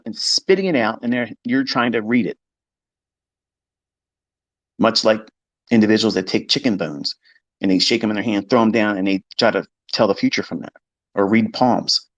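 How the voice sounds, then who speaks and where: A man lectures on trading in a loose, unscripted live-stream style, blunt and emphatic, with casual swearing. His voice sits in an ordinary middle pitch. The sound is dry and close, with no room echo. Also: a bit bright. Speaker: trading educator.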